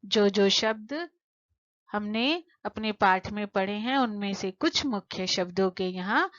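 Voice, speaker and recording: A woman teaching a lesson to children, patiently asking questions and answering them, slowing down to spell out word forms. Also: mid-range voice, a bit bright, no echo, highs cut off. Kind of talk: explaining a textbook lesson to children.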